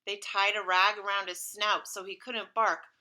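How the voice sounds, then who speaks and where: A woman reading a storybook aloud as a teacher to pupils, expressive and dramatic in her storytelling. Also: medium pitch, normal speed, low-quality recording. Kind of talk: animated storybook read-aloud.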